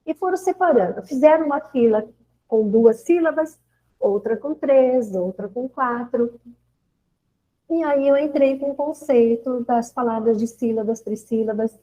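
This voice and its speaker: High-voiced Brazilian teacher telling classroom stories. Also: female voice, measured pace, poor audio. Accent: Brazilian Portuguese. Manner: animated storyteller, acting out classroom exchanges. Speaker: schoolteacher sharing classroom experience. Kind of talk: informal spoken account in a course discussion.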